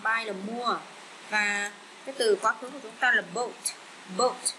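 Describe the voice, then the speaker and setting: A woman with a Vietnamese accent teaching English vocabulary, repeating each word slowly with many fillers. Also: on the high side, steady tone, pushed and bright, slight background noise, rough recording. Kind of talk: slow bilingual vocabulary lesson.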